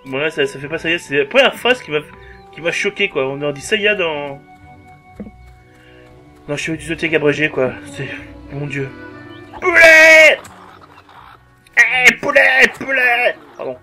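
A man's voice: a little high, lively intonation, fairly quick, long pauses, bright, forceful tone, faint music behind. A man giving casual let's-play commentary over a game, jokey and crude, swearing often and humming along.

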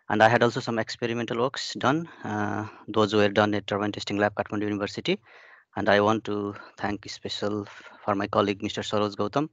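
A young Nepali PhD researcher presents his work in a webinar, hesitating often with fillers and restarts. His voice sits on the low side, and the video call audio is muffled and dry with no echo.

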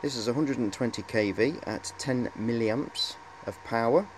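A middle-aged hobbyist presenter speaks at medium pitch and a moderate pace, and a faint hiss or hum sits under the audio. Holding a camera in his cluttered workshop, he gives a casual, rambling show-and-tell, hesitating and repeating "of course."

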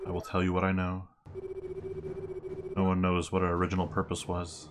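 A man plays a grave former pirate from a video game, very deep in voice. He speaks with formal courtesy, measured and halting, over clear background noise. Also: monotone, lightly acted. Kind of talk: reading game dialogue aloud.

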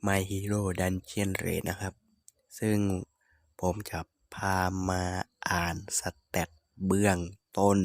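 A man's voice: sits low, extremely slow, vocal fry, dry recording. A man from Northeastern Thailand hosting a gaming channel, talking through game stats in a casual, thinking-aloud tutorial voice-over. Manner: relaxed, explanatory, thinking aloud with hums.

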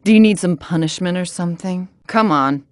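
A woman's voice: lowish voice, fairly quick, no echo, lightly acted. An actress playing a cool, scornful young female android fighter in an anime fighting game, curt and taunting. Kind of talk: English-dubbed anime fighting game voice clips.

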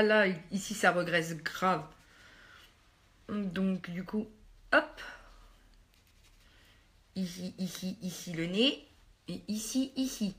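A woman talks casually through her makeup routine for a vlog. Her speech wanders, full of fillers and restarts. She teases herself in quick asides to her viewers. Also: mid-range voice, fairly bright tone. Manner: chatty, hesitant with many fillers, self-mocking asides to viewers. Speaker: beauty vlogger. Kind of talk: casual get-ready-with-me makeup chat.

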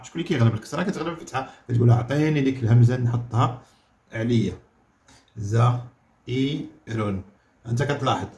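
Moroccan man teaching a slow-spoken lesson. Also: mid-range voice, darkish tone. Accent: Moroccan Arabic. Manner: explains with questions, repeats words slowly for dictation. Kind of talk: classroom grammar lesson. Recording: echoey room.

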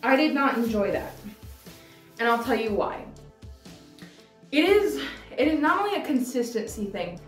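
A little high and fairly bright, her voice has lively intonation and a moderate pace as this woman in her twenties hosts a candy taste test vlog, rambling and hesitant with plenty of "like." She talks to camera from a decorated indoor room. The camera sits a few feet away, leaving the audio roomy and distant, with music behind.

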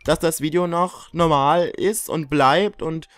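A man giving joking, excitable gameplay commentary as a let's play YouTuber, talking straight to his viewers. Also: a little high, measured pace, no room sound, studio quality.

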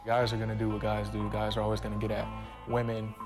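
A man's voice: on the low side, completely flat delivery, fast talker, music in the background. A man talking bluntly in casual slang about a relationship test. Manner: blunt, laid-back slang. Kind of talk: casual chat.

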